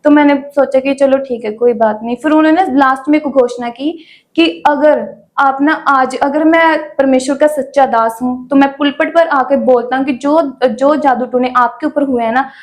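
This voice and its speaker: A young woman with a high voice tells her faith testimony in a casual interview. She talks in a chatty way, with many small fillers between her words. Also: fairly even intonation, moderate pace. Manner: chatty storytelling with frequent "ना" fillers. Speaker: guest sharing her testimony.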